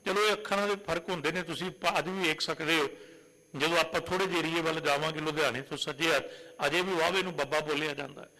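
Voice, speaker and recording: A man preaching a Sikh sermon. He asks rhetorical questions and recites scripture verses slowly and drawn out. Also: on the high side, fairly even intonation, sharp tone, big-room sound, low-quality recording.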